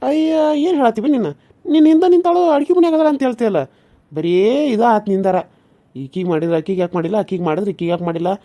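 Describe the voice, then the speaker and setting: Woman voicing a mellow-voiced devoted village husband. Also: mid-range voice, fast, close to an everyday voice. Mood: frustrated. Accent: North Karnataka Kannada. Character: devoted village husband, young man, gentle. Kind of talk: cartoon serial voice acting.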